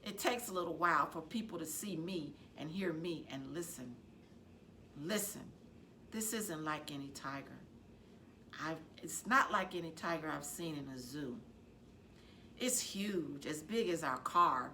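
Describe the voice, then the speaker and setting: Sitting low in pitch, this woman reads from a children's novel like a librarian, dramatic and expressive, with carefully measured phrasing. There's slight noise in the background.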